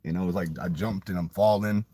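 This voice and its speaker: Deep husky-voiced man telling a story. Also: brisk. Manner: rambling, profane, animated retelling. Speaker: podcast storyteller. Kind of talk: casual storytelling.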